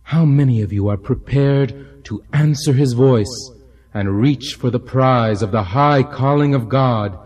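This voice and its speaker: A fervent older preacher, played by a man, slow and earnest, calling out to a crowd. His voice is low, dark and husky. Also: lightly acted.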